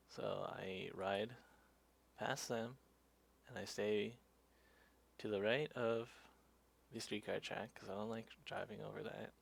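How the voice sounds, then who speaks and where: A man narrates his own cycling video in loose, casual storytelling with plenty of fillers. His voice sits fairly low and has a gravelly, fry-tinged texture. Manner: loose, conversational, many fillers. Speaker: cyclist vlogger.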